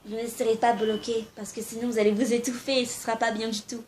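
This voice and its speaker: A young woman with a slightly high voice gives casual singing advice straight to camera. She talks informally and hesitantly, with plenty of fillers. A faint steady hiss sits under her voice. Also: fast. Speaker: amateur singing tips vlogger. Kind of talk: casual spoken tips to camera.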